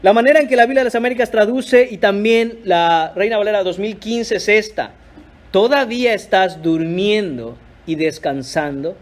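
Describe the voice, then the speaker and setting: A man with a high-pitched voice preaching a sermon in church. He speaks earnestly and emphatically, turning often to address his listeners as brothers. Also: fairly even intonation, brisk, hardly any pauses. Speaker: pastor.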